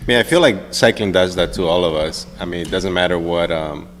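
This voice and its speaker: A man co-hosting a casual podcast, upbeat and quick to laugh, plugging the channels. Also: low-pitched, a bit bright. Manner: laughs easily, upbeat announcer-style plugs. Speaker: podcast co-host. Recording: reverberant room, faint background hum.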